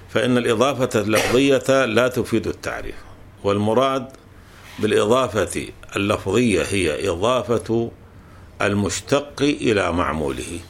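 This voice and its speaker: A man's voice: lowish voice, vocal fry, slight background noise. A man teaching a grammar lesson, patiently explaining with examples and often restarting words.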